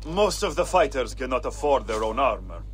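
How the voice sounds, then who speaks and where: An actor playing a jaded, mocking gladiator arena master in a video game, with a coarse, theatrical manner. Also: male voice, mid-range voice, very animated, normal speed, slight background noise, lightly acted. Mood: brisk, sardonic.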